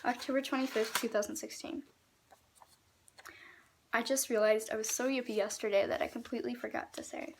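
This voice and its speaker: Embarrassed, creaky young woman reading aloud. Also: a little high, fairly even intonation, slight background noise. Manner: embarrassed, self-conscious reading aloud, giggly and halting. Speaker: vlogger reading own diaries. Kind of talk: casual chat, reading diary aloud.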